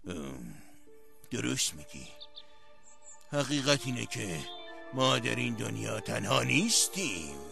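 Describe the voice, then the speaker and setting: A man's voice: medium pitch, sing-song, creaky, long pauses. An actor playing an old, anxious troll king in a cartoon film dub, speaking in a grave, warning tone. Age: older. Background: music.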